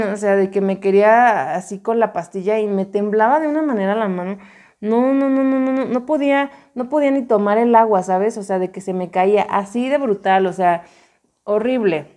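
Casual and slangy, a young woman with a Mexican accent tells a personal story emphatically, often repeating herself. Her voice is medium in pitch with a darkish tone.

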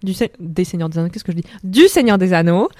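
A woman's voice: fairly low pitch, animated, fast talker, mellow, dry recording, clean studio sound. Eighteen-year-old woman, joking radio film host. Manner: playful, lightly joking while listing films. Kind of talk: casual radio chat. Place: radio studio.

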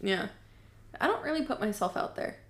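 A woman's voice: mid-range voice, very animated, a little fast, a bit bright. A woman in her twenties co-hosting a casual chat, talking in a chatty way with lots of filler words and frequent laughs. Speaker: podcast co-host. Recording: echoey room.

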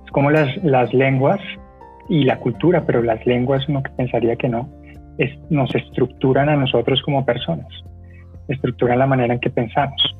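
A man moderates a conversation in an even, flat voice, stumbling through restarts and fillers as he hunts for his words. He comes through a thin, phone-like line with faint music underneath. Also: medium pitch. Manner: halting, many fillers and restarts. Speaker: panel moderator.

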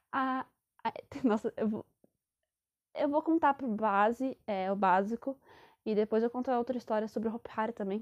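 A woman's voice: a little high, darkish tone. A young Brazilian woman, casually telling a rambling personal story and correcting herself as she goes. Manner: chatty, rambling, self-correcting. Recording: dull lo-fi sound.

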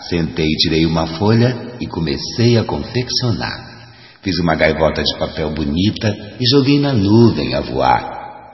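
A man recites a rhymed story in a very low voice that rises and falls dramatically. His voice sounds dull and lo-fi, and it hangs in an echoey space with long reverb. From Rio de Janeiro, Brazil.

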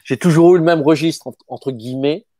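A man in his fifties, an actor talking casually in an interview, often halting and repeating words. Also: fairly high pitch, dark tone, no echo, clean studio sound. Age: 50s. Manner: halting, stammering repetitions. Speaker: actor guest.

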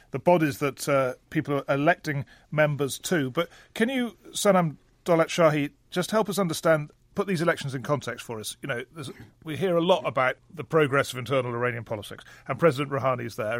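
A man's voice: medium pitch, a little fast, few pauses, fairly bright tone, no echo. A man hosting a panel discussion, asking questions in a wry, conversational manner. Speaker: radio panel host.

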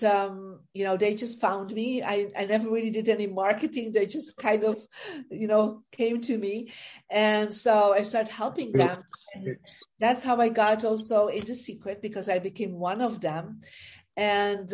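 This middle-aged woman from Belgium has a mid-range, darkish voice and a Belgian accent. Chatting as a guest on a video-call interview, she shares her story casually and laughs lightly now and then.

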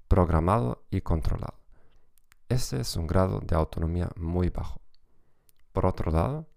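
Very deep, creaky German-accented man. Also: a little mellow. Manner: non-native, careful phrase-by-phrase delivery. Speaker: psychology podcast host and lecturer. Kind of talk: scripted educational narration.

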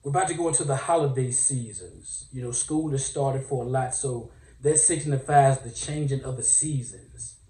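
A man's voice: mid-range voice, normal speed, dark tone. Rambling man in a roomy space. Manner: rambling, self-aware, filler-heavy. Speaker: podcast host. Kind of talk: casual monologue. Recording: roomy, distant from mic.

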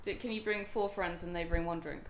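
Relaxed female interviewer, quick to laugh, short casual replies. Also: on the low side, slight background noise. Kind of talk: casual chat.

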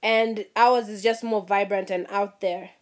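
A young Kenyan vlogger rants casually to her viewers at a measured pace. She's animated, swears freely, mimics other people in high voices, and laughs at herself.

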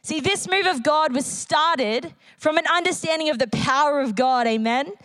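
A woman's voice: sits high, moderate pace, a bit bright, no room sound, rough recording. A woman preacher giving an earnest sermon at a church service, reading out a testimony and repeating key phrases for emphasis. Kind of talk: sermon with a read-aloud testimony.

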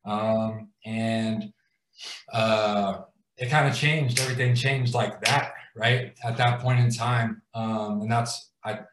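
A man's voice: on the low side, fairly even intonation, slow pace, distant mic, background noise. A man in his thirties telling a personal story as guest host on a live stream, rambling with many fillers and restarts. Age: 30s. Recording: roomy sound, away from the mic.

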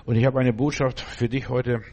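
A man's voice: mid-range voice, flat delivery, normal speed, darkish tone, muffled recording. A man preaching a sermon, speaking straight to the listener in a fervent, exhorting way, with short repeated commands and frequent filler words.

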